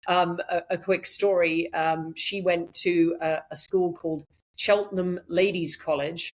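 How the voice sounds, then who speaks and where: A woman's voice: lowish voice, steady tone, a little slow. A British woman, a podcast guest, telling her story in a chatty way with many ums and the odd laugh. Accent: British English. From Britain. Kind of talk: conversational storytelling.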